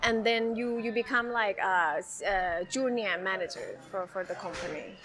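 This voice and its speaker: A woman with a Thai accent talking casually as an interview guest, in a halting way that repeats words. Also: medium pitch, fairly bright tone, soft background music. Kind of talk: casual chat.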